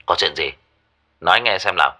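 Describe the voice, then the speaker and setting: A man voicing a calm, cold young man giving orders in a spoken horror story. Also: sits low, brisk, soft background music.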